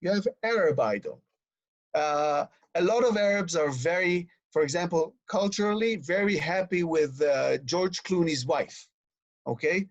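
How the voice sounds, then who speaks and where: A man's voice: high-pitched, no echo, muffled recording. A man speaking as a guest educator, explaining in a lecturing way that piles up example after example. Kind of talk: explanatory conversation.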